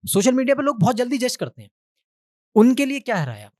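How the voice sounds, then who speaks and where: A podcast host asks polite, somewhat meandering questions, often murmuring agreement while the guest talks. The pitch moves around a lot, in a middle register. The recording is dry and close. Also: very animated, fast talker, a little mellow, no room sound. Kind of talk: podcast interview.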